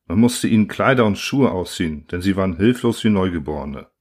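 Male narrator, lowish voice, measured audiobook reading. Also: animated. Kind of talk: scripted narration.

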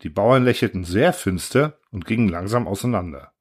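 A man reading a short story aloud in an expressive storytelling manner. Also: fairly low pitch, moderate pace, slightly rough. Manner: lively expressive narration.

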